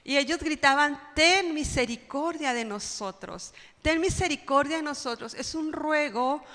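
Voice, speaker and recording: A woman preacher gives a sermon in a church, her voice fairly high and trailing into a long hall reverb. She crics out the pleas she quotes and keeps asking her listeners questions. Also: fairly bright tone. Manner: dramatic cries when quoting pleas, rhetorical questions. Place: church sanctuary.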